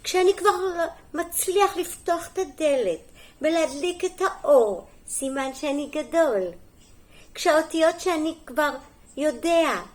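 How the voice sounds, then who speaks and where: With lively intonation and a high female voice, a middle-aged kindergarten teacher reads aloud from a storybook to young children. She stays gentle and singsong, breaking off for small remarks and questions.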